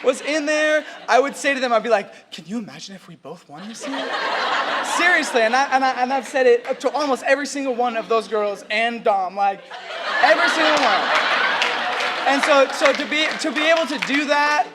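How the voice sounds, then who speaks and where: A man's voice: very high voice, expressive, fairly quick, over a noisy crowd, very noisy. A young man giving a heartfelt speech to his team, choked up and rambling. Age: young adult. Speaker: college cheerleader giving a speech.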